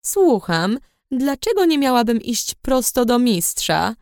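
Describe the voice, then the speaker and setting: A woman's voice: mid-range voice, animated, a little slow, no room sound, clean studio sound. Woman voicing a cheeky young alchemist woman. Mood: teasing. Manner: teasing, laughing. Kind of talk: audiobook character voice.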